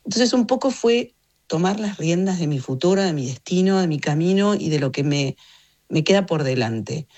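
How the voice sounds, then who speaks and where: A journalist and communications consultant in her fifties, speaking with an Argentine Rioplatense Spanish accent, answers interview questions reflectively, explaining things with emphasis. Her voice is fairly low and darkish in tone, animated, and at a normal speed.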